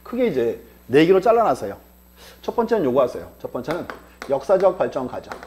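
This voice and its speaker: A man's voice: a little high, sing-song, brisk, a little mellow. A male lecturer teaching an exam-prep class, asking rhetorical questions and answering them himself, repeating key terms for emphasis.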